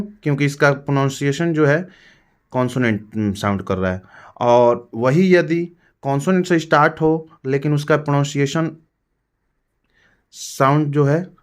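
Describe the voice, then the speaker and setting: Higher-pitched man, Hindi accent, patient teacher who repeats words slowly. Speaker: grammar teacher. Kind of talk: classroom lesson.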